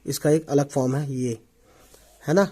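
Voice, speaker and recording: A man teaching an Urdu writing lesson in Hindi, repeating words slowly and often checking that viewers follow along. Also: medium pitch, steady tone, warm tone. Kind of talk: online language lesson. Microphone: omnidirectional desk microphone.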